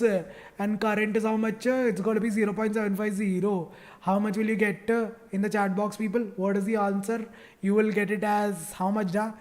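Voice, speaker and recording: A man's voice: sits high, a little mellow. A male teacher with a South Indian English accent runs a live online class in a chatty, teasing way. He keeps firing questions at his students and pretends that easy problems are terrifying. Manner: playful, mock-dramatic teasing.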